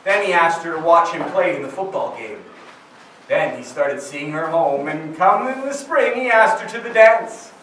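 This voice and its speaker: At a Halloween party, a man with a slightly high, bright voice tells ghost stories at a moderate pace, animated and full of dramatic suspense. He's recorded from a distance in an echoey, noisy room.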